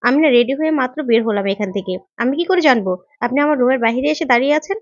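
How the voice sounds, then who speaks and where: Woman reading a touchy young woman student, high voice, dry dull recording: serial recap. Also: animated, very fast, no room sound. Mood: defiant.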